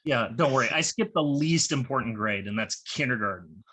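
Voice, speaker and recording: An American man doing self-deprecating stand-up comedy over a video call, halting with fillers and restarts. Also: mid-range voice, lively intonation, bright, forceful tone, slightly rough. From United States. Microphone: video call from home.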